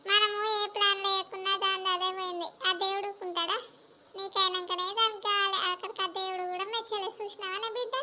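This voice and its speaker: A woman with a Telangana accent playing a scheming village mother-in-law who complains loudly. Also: very high-pitched, level tone, brisk, a little hiss or hum, heavily acted. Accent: Telangana Telugu. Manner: loud, scolding and complaining. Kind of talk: village comedy skit acting.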